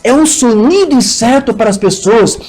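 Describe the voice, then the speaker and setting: Over soft music, a Brazilian man with a Brazilian Portuguese accent preaches a sermon and leads a prayer, fervently calling for amens from the congregation. His very high voice has lively intonation and a normal pace, though the recording is rough.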